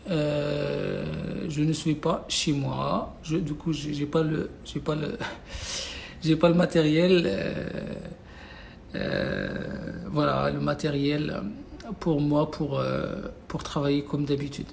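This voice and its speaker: A man with Arabic as his first language leads a live online class away from home, lacking a whiteboard, and comes across as casual and insistent, full of repetitions, fillers and restarts. He speaks slowly in a somewhat high, expressive, creaky and slightly mellow voice, with a little hiss or hum audible.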